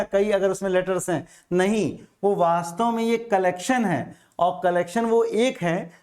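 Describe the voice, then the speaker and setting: A man's voice: high-pitched, darkish tone. A man teaching an exam-prep grammar lecture, patient and repetitive, asking and answering his own questions.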